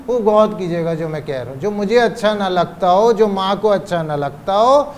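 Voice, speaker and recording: High-voiced man preaching. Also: lively intonation, a little mellow, slight background noise. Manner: rhetorical questions, emphatic repetition, drawn-out stressed phrases. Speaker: cleric giving a religious lecture. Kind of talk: Urdu religious lecture on parenting.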